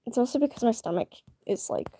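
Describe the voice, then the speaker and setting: Young female streamer, rambling and chatty, animated pitch, soft mellow tone. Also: quick pace, husky. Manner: rambling, chatty, full of fillers and restarts. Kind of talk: casual live-stream chat.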